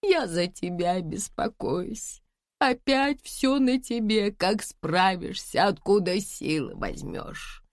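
Elderly mother, read by a woman: tender, fretful, unhurried, low-voiced audiobook read. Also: expressive, vocal fry, no echo, clean studio sound, heavily acted. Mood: anxious. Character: elderly mother, gentle, worried, wise. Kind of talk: audiobook dialogue.

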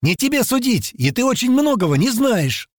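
A man's voice: extremely high pitch, sing-song, normal speed, no room sound, clean studio sound, voice pushed up, exaggerated voice. A man voicing a fierce young woman who snaps back sharply in an audiobook. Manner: sharp, cutting retorts. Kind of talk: audiobook character voice.

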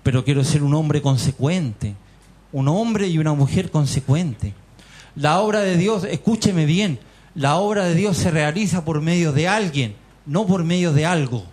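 A man's voice: fairly high pitch, measured pace, a little mellow, slightly rough. A man with a Chilean accent preaching a fervent sermon in a church meeting hall, firing rhetorical questions and calling his listeners brothers. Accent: Chilean Spanish. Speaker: lay preacher.

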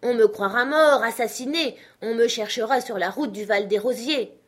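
A woman's voice: normal speed, lightly acted. A woman doing a flustered old grocer man. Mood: pleading. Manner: pleading, anxious, high.

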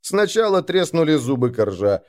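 Lively-voiced man reading a story. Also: a little high. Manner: voices the characters with raised, slowed shouts. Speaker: narrator. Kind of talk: dramatic first-person story reading.

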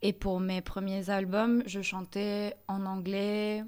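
A woman's voice: medium pitch, little pitch movement, takes it slowly, a little mellow, clean tone. A woman, a singer-songwriter answering interview questions thoughtfully, often searching for her words. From Mexico. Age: 30s.

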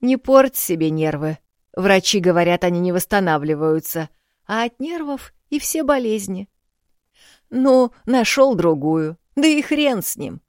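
Woman doing blunt elderly country landlady, higher and louder, folksy scolding. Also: sing-song, measured pace, dry recording, studio quality. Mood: indignant. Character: elderly village landlady, blunt, earthy, fussing.

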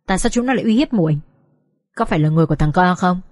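A protective older gang leader, soothing but firm and old-fashioned in speech, played by a woman narrator. The voice is dropped lower, in a dry storybook recording. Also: rapid-fire, mellow, no room sound, close to an everyday voice.

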